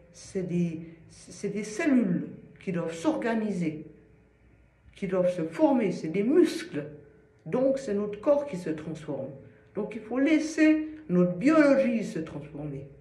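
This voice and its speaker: A man with a fairly high voice gives a one-on-one singing lesson, explaining patiently with everyday comparisons. His pitch swings widely as he talks, and he speaks at an unhurried pace. The sound carries a noticeable room echo. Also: very animated, dark tone. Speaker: singing teacher. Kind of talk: informal voice lesson addressed to one student.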